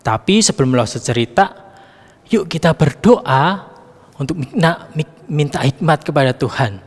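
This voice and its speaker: A man's voice: a little high, lively intonation, measured pace, long reverb tail. A man leading a children's Sunday school Bible lesson, coaxing and addressing the kids directly.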